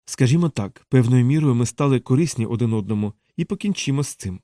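A man's voice: mid-range voice, animated, fast, mellow, dry recording, clean studio sound, natural voice. A man reading the lines of a haughty, curt wealthy man in a cold, dismissive tone. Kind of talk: audiobook character reading.

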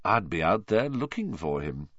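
A man's voice: sits low, big pitch swings, moderate pace, fairly bright tone, dry recording, lo-fi sound, heavily acted. A man voicing a sneering, spoiled teenage schoolboy in a storybook reading. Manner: sneering, mocking.

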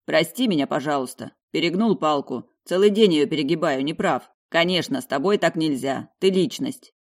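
A woman's voice: deep voice, animated, moderate pace. A woman voicing a confident, pompous male duke who speaks with a self-assured air. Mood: apologetic.

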